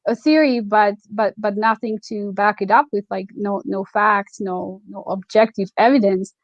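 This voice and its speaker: A native Slovak woman with a Slovak accent touched by Nova Scotian, talking casually and reflectively as an interview guest, often pausing to find her words. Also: mid-range voice, fairly even intonation, no echo, muffled recording. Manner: reflective, halting, searching for words. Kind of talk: casual conversational storytelling.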